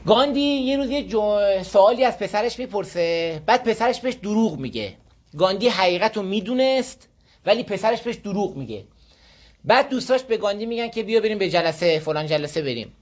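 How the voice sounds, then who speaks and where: A man's voice: sits high, expressive. A man from Iran giving an informal moral talk on parenting to a group, telling stories and often checking that listeners follow. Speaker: speaker advising a group on parenting. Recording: dull lo-fi recording.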